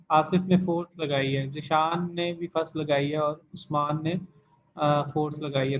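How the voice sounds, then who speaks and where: A man's voice: a little high, creaky, slight background noise, low-quality recording. A man teaching Chinese tones in an online class, patiently going over students' answers one by one.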